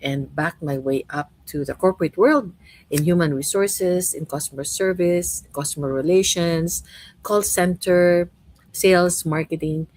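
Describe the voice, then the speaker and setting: A woman's voice: fairly low pitch, measured pace, a little mellow, rough recording. A middle-aged woman from the Philippines hosting a podcast chat as a coach, chatty and full of "you know" and "right?" tags. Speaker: host and coach.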